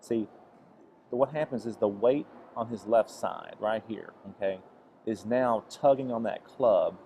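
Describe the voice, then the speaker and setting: A golf instructor recovering from the flu talks through swing footage in a fairly low, mellow voice, deeper than usual because of his illness. He restarts often and keeps saying "okay," with a little hiss or hum in the background.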